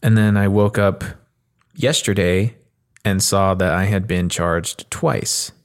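A male podcast host with a deep voice talks casually, telling everyday stories. His wording is informal and peppered with swearing. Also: fairly even intonation, slow pace. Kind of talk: casual conversational storytelling.

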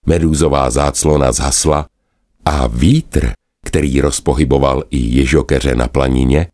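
Very deep-voiced male storyteller. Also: no room sound, studio quality. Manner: lively, expressive telling. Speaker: narrator. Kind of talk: storybook narration.

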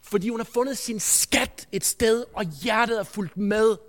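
A man's voice: high voice, a bit bright. A man preaching a sermon, telling a story in an earnest, anecdotal way with frequent restarts. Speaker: preacher, school head.

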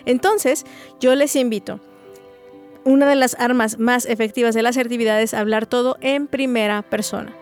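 A woman's voice: on the high side, steady tone, moderate pace, faint music behind. A woman gives an earnest, explanatory faith-based teaching talk to her listeners, acting out short example phrases.

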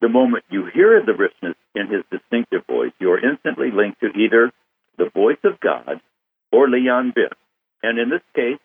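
A man's voice: mid-range voice, expressive, normal speed, slightly rough, no echo. A male host running a phone interview, effusive in his praise for his guest. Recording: tinny phone line.

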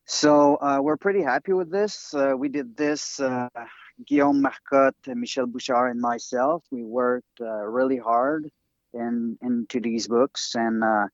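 Halting French-accented man, dull lo-fi audio. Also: mid-range voice, fairly even intonation, no room sound. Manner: halting, many fillers and restarts. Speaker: guest researcher and author. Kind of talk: interview talk over a call.

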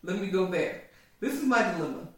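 A woman's voice: lowish voice, lively intonation, a little fast. A woman co-hosting a podcast, chatting playfully with her husband and laughing often. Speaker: podcast co-host. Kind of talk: casual couple's chat. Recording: echoey room, mic at a distance.

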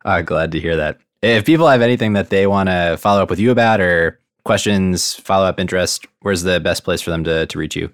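Male podcast host, notably low pitch, conversational interviewing. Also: a little fast, few pauses, no room sound, studio quality.

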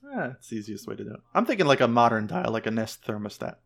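A playful speaker joins a casual chat among friends. Their pitch moves a lot, rising and falling as they talk. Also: very animated, fast, gravelly.

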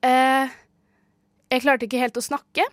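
A woman's voice: sits high, flat delivery, no room sound. Chatty young Norwegian woman, dry sound. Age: young adult. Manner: rambling, many fillers. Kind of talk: casual chat, storytelling.

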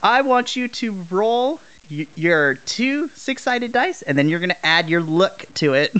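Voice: mid-range voice, very animated, unhurried, a bit bright. A game master narrating a tabletop role-playing game in a descriptive, explanatory way.

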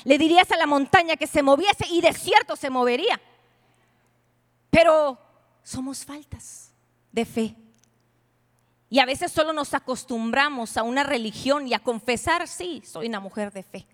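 High-voiced woman pastor preaching in a reverberant hall. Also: unhurried, pauses often. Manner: emphatic, with sudden swings from loud to hushed; playful, teasing asides. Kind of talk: sermon to a women's retreat.

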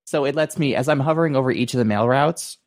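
A man co-hosting a casual business podcast, talking in a halting, circling way full of filler phrases. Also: mid-range voice. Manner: halting, circling phrasing with repeated "you know" and "like". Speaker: podcast co-host.

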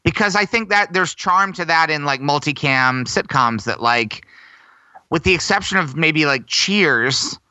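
A man's voice: fairly high pitch, animated, unhurried, pushed and bright, no echo, poor audio. An American man telling self-deprecating stories in a casual interview, laughing often. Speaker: guest performer.

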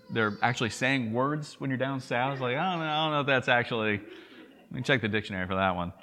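A man's voice: on the high side, fairly bright tone, in a large hall. A man from Tennessee with a Southern accent, preaching a sermon in an earnest way, often repeating words and asking "right?". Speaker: pastor.

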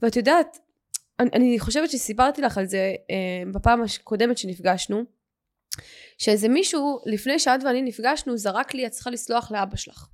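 A woman hosting a podcast tells a personal story in conversation, animated and quick in bursts as she acts out the things people said. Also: on the high side. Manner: animated, acts out quoted dialogue. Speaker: podcast host.

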